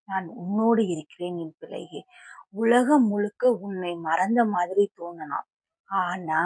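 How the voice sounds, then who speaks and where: A woman delivering a gentle, consoling devotional message, with line endings that trail off into a whisper. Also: medium pitch, no room sound, low-quality recording. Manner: soft and soothing, repeated phrase trailing into a whisper; slow, gentle, reassuring. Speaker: devotional speaker.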